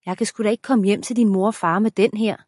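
A woman's voice: mid-range voice, fairly even intonation, darkish tone, no echo, studio quality, lightly acted. A woman doing a cheeky young husband. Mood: teasing. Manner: teasing, cheeky. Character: playful, lustful young husband.

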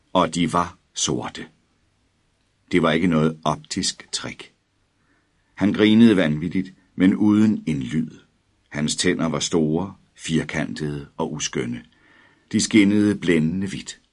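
A man narrating a dark audiobook story in a measured, dramatic way. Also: very deep voice.

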